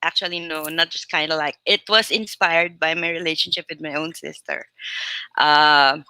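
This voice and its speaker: A woman author on a panel, talking with many pauses, fillers and restarts over a video call. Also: fairly low pitch, pushed and bright, clear, resonant tone, no echo, poor audio. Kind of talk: panel discussion.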